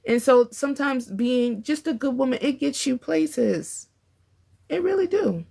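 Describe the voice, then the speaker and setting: A woman in her forties talking casually and warmly encouraging others on a faith-based podcast, often laughing between thoughts. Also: sits high, a little slow, gravelly. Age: 40s. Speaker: podcast speaker.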